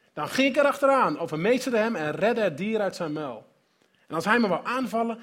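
Man as bold young shepherd boy, confident declarations, high and lively.

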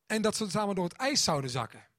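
Man preaching, high voice, animated, dry close sound. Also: quick pace, dry recording. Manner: animated, acts out quotes and a child's voice. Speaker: pastor. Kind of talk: sermon.

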